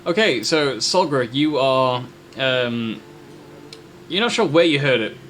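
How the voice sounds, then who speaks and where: A man acting as game master, telling an improvised tabletop adventure in short, halting, descriptive phrases. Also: medium pitch, expressive, fairly bright tone. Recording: faint background noise.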